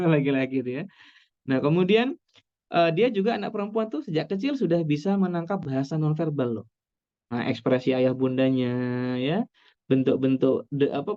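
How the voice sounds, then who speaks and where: Reassuring Indonesian man, lo-fi webinar audio. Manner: warm, reassuring, repeats "nggak apa-apa" and "ya"; chatty, lively pitch swings, laughs between points. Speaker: child psychologist giving a parenting webinar. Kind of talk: parenting webinar talk. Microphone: webinar computer mic.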